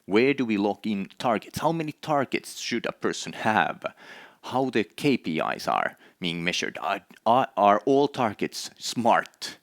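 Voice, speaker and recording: A man's voice: fairly low pitch, sing-song, unhurried, no room sound, studio quality. A middle-aged man from Finland with a Finnish accent, giving an earnest conference presentation with many hesitations. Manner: earnest, with frequent "uh" hesitations and repeated words. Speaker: conference speaker. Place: conference hall.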